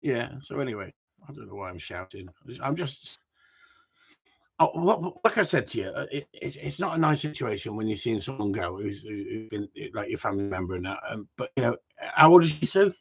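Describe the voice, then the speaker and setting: On a dull, lo-fi home stream, a gundog breeder with a lowish, husky voice and vocal fry speaks fairly quickly and expressively. He rambles casually at his viewers, hopping from topic to topic, cursing a lot and erupting in loud outbursts.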